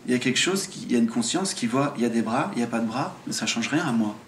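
A man's voice: medium pitch, lively intonation, rapid-fire. Man, french accent, spiritual teacher at a satsang, earnest, stumbling restarts, roomy echo, faint hiss. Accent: French from France. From France. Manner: earnest explaining with frequent stammered restarts. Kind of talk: satsang talk on awakening.

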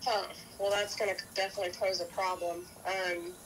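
A woman's voice: medium pitch, flat delivery, brisk, fairly bright tone, a little hiss or hum, rough recording. A woman who runs a rental store, talking by speakerphone on a casual business call, asking questions with hesitant fillers. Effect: heard over a speakerphone. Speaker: golf cart rental store owner. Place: remote, on a phone call.

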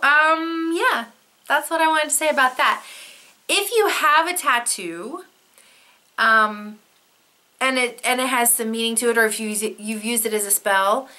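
A woman talks straight to her camera in a casual, earnest way, with the odd swear word. Her voice sits a little high and sounds bright and clear. By now it is going slightly hoarse. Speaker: vlogger.

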